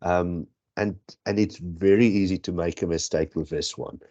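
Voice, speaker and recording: A man's voice: low voice, steady tone, moderate pace, warm tone. A man with a South African accent whose first language is Afrikaans, tutoring statistics for an exam in a rambling, self-correcting way, on dull lo-fi audio. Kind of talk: exam prep lesson.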